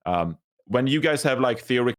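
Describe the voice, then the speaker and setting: A man's voice: mid-range voice, lively intonation, moderate pace. A man asking hesitant questions in a casual roundtable chat, full of fillers, with his mic cutting out so his volume comes and goes. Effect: mic cutting out, uneven volume. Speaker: panelist.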